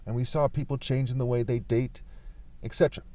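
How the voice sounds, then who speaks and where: A man's voice: mid-range voice, fairly even intonation, fairly quick, mellow. A man giving an informal political monologue, argumentative, leaning on rhetorical questions and repeating his points. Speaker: political commentator.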